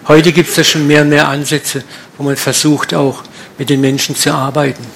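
Mann, Prediger, direkter Ton, etwas höhere Stimme, Predigt mit Folien. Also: male voice, a little high, flat delivery, moderate pace, creaky, fairly bright tone, slight background noise. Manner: direct, colloquial, blunt preaching. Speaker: preacher. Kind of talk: sermon with slides.

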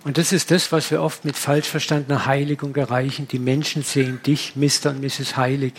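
A man preaching, telling a personal testimony in a lively storytelling manner. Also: mid-range voice, a little fast, breathy edge. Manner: animated storytelling, acting out dialogue.

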